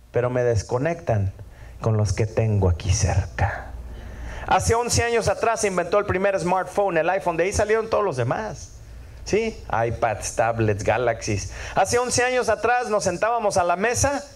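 Man, middle-aged, preaching, lively pitch, keeps asking listeners to agree. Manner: animated, asks the audience for agreement often. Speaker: pastor. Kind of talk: sermon.

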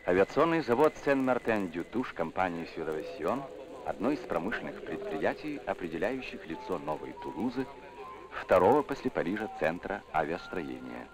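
A man's voice: deep voice, big pitch swings, normal speed, rough recording. A man narrating a 1960s newsreel with a formal, declamatory announcer delivery, old newsreel sound. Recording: narration over loud music.

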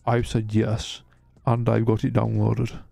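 A man chatting casually while streaming a game, rambling and hesitant, with a croaky, sleepy voice. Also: on the low side, monotone, unhurried, mellow, no room sound, soft background music. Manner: rambling and hesitant, many restarts. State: sleepy, yawning. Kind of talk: casual live-stream chat.

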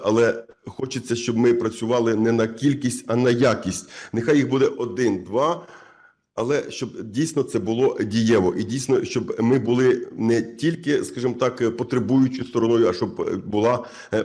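A man from Ukraine, a community head, gives a conference speech in a halting, earnest way, full of filler sounds and restarts. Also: mid-range voice, dark tone. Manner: earnest, repeats himself for emphasis.

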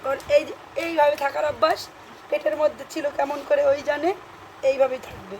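A young woman vlogger chatting casually to viewers while she minds a baby, dropping into soft cooing baby talk. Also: high voice, a little fast, slight background noise, low-quality recording.

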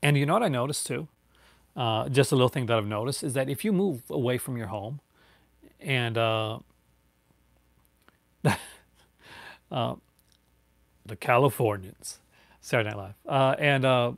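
His medium-pitched, gravelly voice moves a little slowly and pauses often, with no echo. The speaker, a man in his forties from Newfoundland, Canada, with a light accent, is a YouTuber chatting casually with viewers on a live stream from his bookshelf-lined home room, full of fillers and restarts.

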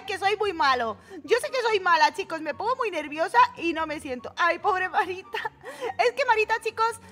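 A young woman with a Peninsular Spanish accent, giving excitable, giggly commentary while playing an online game, with game music in the background. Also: very high-pitched. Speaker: gaming channel host. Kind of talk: casual Roblox gameplay commentary.

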